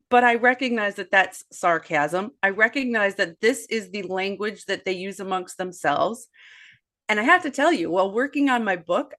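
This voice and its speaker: A woman in her forties, an author and guest, talking earnestly about raising boys, with animated storytelling and quoted asides. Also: a little high. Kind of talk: conversational podcast discussion.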